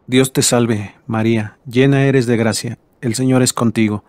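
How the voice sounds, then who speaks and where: A man leading a recited rosary in a steady, measured prayer voice. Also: mid-range voice, no echo. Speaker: prayer leader.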